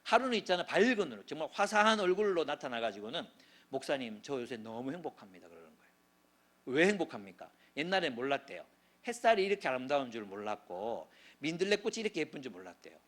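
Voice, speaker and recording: A middle-aged male pastor delivers a sermon through vivid storytelling. His voice sits fairly high for a man and swings widely in pitch, swelling into loud bursts and then dropping low. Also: fast talker. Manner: animated storytelling, voice swells and drops sharply. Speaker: pastor, guest speaker.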